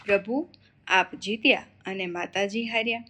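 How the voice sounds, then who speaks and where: Woman reading a humble priest, deferential, folk tale, mid pitch. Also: fairly even intonation, normal speed, pushed and bright. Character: meek temple priest, a Brahmin man.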